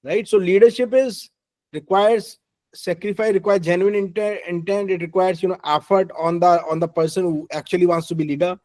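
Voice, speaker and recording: An engineering head with an Indian English accent gives career advice as a guest speaker, loud and emphatic. He switches between English and Hindi and keeps checking in with "right?" His voice sits high with fairly even intonation, he talks fairly quickly, and the recording is dry.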